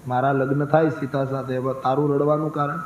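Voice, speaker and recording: A man voicing a gentle prince who soothes and reassures his devoted younger brother in a storytelling sermon. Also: medium pitch, flat delivery, a little fast, a little hiss or hum, close to an everyday voice. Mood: reassuring. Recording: echoey, dull.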